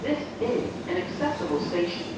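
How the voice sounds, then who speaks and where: A woman's voice: lowish voice, very animated, moderate pace. A woman reading a scripted public transit announcement, in the manner of an airport announcement. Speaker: train announcer. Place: on a subway train, over speakers. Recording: echoey, distant train speaker, clear rail noise.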